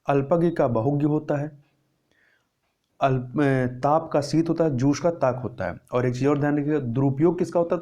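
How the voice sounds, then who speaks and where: A man's voice: mid-range voice, dark tone, lo-fi sound. A man teaching Hindi grammar, going through test answers and repeating words to stress the correct spelling.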